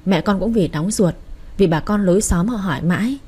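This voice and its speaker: A woman voicing a gentle older father-in-law who speaks softly to calm things down. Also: mid-range voice, fairly quick, husky, close to an everyday voice. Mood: soothing. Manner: soft, soothing.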